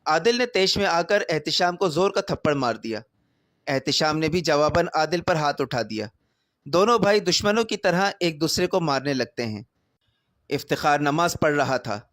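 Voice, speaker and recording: A man narrates a family drama in an even, plain manner, his voice a little high for a man. The recording is close and dry, with no room around it. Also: no room sound. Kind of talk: scripted story narration.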